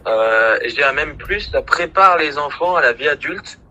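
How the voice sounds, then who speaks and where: A man with a bright voice chats on a casual podcast. He speaks earnestly, with hesitant pauses. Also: on the high side, animated, highs cut off, a little hiss or hum. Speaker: podcast panelist.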